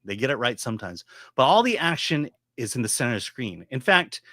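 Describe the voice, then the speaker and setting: A middle-aged man reviews films casually in a voice of average pitch. He explains his opinions haltingly, and the sound is dry and free of room echo. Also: sing-song, fairly bright tone. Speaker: film reviewer. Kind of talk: casual movie commentary.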